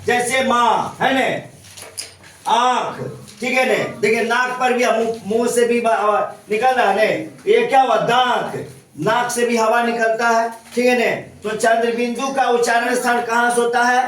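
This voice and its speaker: Teaching grammar to a class, a man with a very high, slightly bright voice keeps posing questions and making sure the students understand. He sounds distant, captured in a heavily echoing room.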